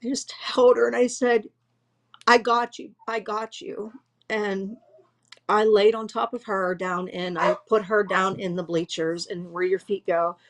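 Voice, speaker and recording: A middle-aged woman at home giving an emotional first-hand eyewitness account, halting and restarting as she speaks. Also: mid-range voice, steady tone. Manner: halting, restarts often, voice full of distress. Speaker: eyewitness interviewee. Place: at home, dog nearby.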